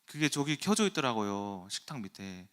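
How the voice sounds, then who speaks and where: A man's voice: on the low side, very animated, normal speed. A man in his thirties, a pastor, telling a self-deprecating story in an early-morning sermon.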